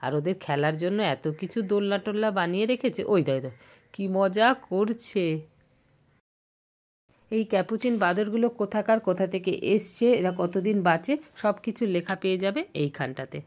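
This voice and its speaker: A woman's voice: medium pitch, fairly quick. A woman vlogging as she walks around a zoo, talking chattily to a handheld camera. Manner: chatty, excitable pointing-out. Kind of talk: casual walking vlog narration. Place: outdoors at a zoo.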